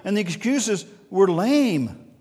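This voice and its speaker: High-voiced man preaching in a reverberant hall. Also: sing-song, slow. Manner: dynamic preaching, swinging from soft to loud, with repetition. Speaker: pastor. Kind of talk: sermon.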